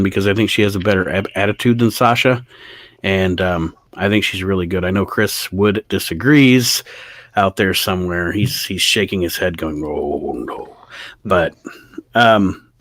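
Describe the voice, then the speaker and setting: A man's voice: medium pitch, a bit bright, no echo. A man co-hosting a podcast in casual, opinionated chat, reading viewer comments aloud. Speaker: podcast co-host.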